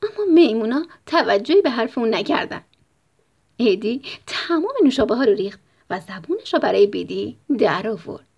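Husky, lively woman telling a bedtime story. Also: a little high, lo-fi sound. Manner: expressive, sometimes whispered.

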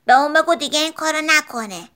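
A calm, sensible little boy, as a woman narrating a storybook puts him on. He speaks in a matter-of-fact, bright voice, close to the reader's own. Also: high-pitched. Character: young boy, calm helpful friend.

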